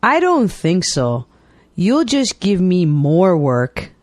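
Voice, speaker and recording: A woman reading everyday dialogues aloud for English learners with clear, deliberate enunciation. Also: fairly low pitch, wildly swooping pitch, a little mellow, no echo, studio quality. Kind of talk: slow scripted dialogue reading.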